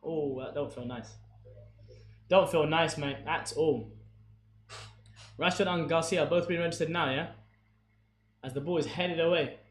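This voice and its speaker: A young man streams a football watchalong, doing casual, excitable play-by-play and chatting with viewers between plays. His voice sits a little high, his pace is moderate, and he pauses often. The room is echoey, with faint background noise.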